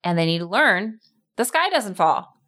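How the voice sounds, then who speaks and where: A woman co-hosting a casual podcast, adding wry quick asides and agreeing with her partner. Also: medium pitch, big pitch swings, a bit bright. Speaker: podcast co-host.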